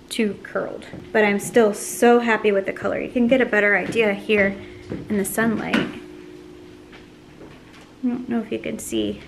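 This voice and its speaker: A lifestyle vlogger in her thirties talks casually to a handheld phone camera, chatty and upbeat with frequent laughs. Her voice is medium-pitched, with slight background noise.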